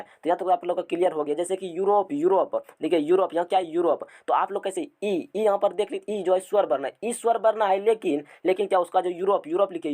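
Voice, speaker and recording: A man's voice: high-pitched, darkish tone. Man teaching grammar. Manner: repeats words and quizzes students with questions; reads English rules slowly word by word. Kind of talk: classroom grammar lesson.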